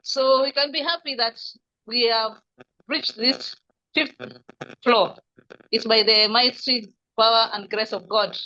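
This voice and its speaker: A woman, her bright, edgy voice carrying encouraging farewell words with pauses between phrases. She comes through loudspeakers, so the sound is dull and muffled. She sounds a little distant, as if the speakers are across the room. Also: fairly high pitch, steady tone, dry recording. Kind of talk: short farewell remarks.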